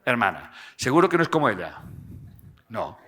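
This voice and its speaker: A man speaks to a live audience in a lively seminar style. His voice is bright and forceful, and he keeps checking in with his listeners through playful tag questions. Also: medium pitch, normal speed. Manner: animated, tags phrases with "¿eh?" and jokes with the audience.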